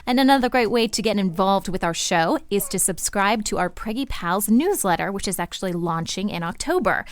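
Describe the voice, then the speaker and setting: A woman's voice: mid-range voice, lively intonation, a little fast, no room sound. Podcast host, woman, chatty promo delivery, dry studio sound. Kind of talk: upbeat show hosting.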